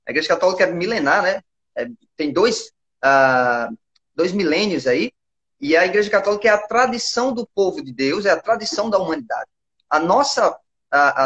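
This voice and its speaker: A man's voice: sits high, fairly bright tone, muffled recording. A young man in his early twenties with a Brazilian accent, explaining his views earnestly as an interview guest and often asking for agreement. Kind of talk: conversational interview.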